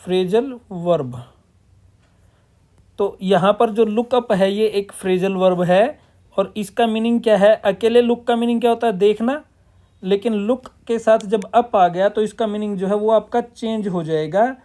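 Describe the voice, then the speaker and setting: A man's voice: high voice, steady tone, moderate pace, mellow. Male teacher explaining a lesson. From Punjab, India. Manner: asks and answers his own questions, mixes English terms into Hindi. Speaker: English teacher. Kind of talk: classroom-style lesson explanation.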